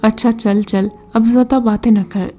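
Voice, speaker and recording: A woman's voice: fairly high pitch, fairly even intonation, dark tone, lightly acted. Woman reading as a scornful old jinn. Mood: mocking. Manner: taunting, brusque commands. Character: mocking old male jinn, scornful, commanding.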